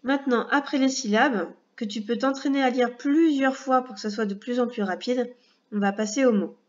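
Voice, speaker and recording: A woman teaching a first-grade reading lesson, speaking patiently with clear articulation and talking straight to the child. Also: on the high side, moderate pace, darkish tone, muffled recording.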